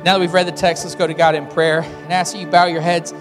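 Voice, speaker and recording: A man's voice: a little high, flat delivery, fast talker. A man speaking as a pastor, giving informal welcomes and announcements and addressing his congregation directly in a conversational way. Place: large church room with PA. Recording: hall reverb, music behind.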